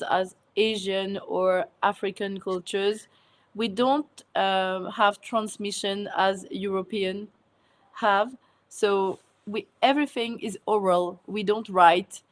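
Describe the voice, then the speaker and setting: A woman from Mauritius, a guest answering in a casual interview, hesitant with many fillers and frequent laughs. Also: mid-range voice. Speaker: guest, food content creator.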